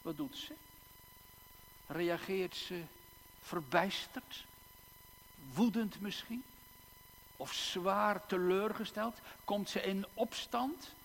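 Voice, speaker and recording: A male pastor preaching a sermon in a church, slow and emphatic, with long dramatic pauses and repeated words. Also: high voice, creaky, a bit bright. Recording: echoey church hall, faint hum.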